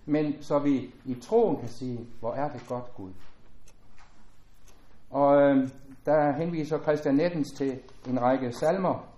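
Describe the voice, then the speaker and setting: A man preaching a sermon as a pastor, earnest and measured, his voice dropping at the ends of phrases. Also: mid-range voice, mellow, echoey room.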